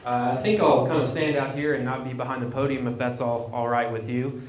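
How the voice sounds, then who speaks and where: A man's voice: medium pitch, flat delivery, a little fast, slight background noise. A man from Virginia with an Appalachian accent gives an informal conference presentation, often repeating words and restarting as he goes. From Appalachian Virginia, United States. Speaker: guest speaker, economic development program manager. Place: speaking to an audience at a live event, standing away from the podium. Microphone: double mic'd.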